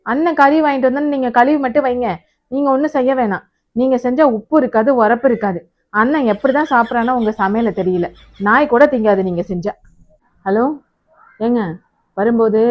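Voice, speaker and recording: A woman in a home comedy skit with a fairly high voice, talking briskly and with dry sarcasm. She scolds and needles in a plain everyday voice. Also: lo-fi sound.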